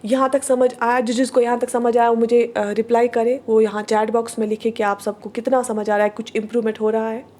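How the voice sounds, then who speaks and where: Woman, online teacher, fairly high voice, patient explaining, repeats questions to the class, slow example sentences. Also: level tone, darkish tone, slight background noise. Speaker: English teacher. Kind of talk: online grammar class taught in Hindi.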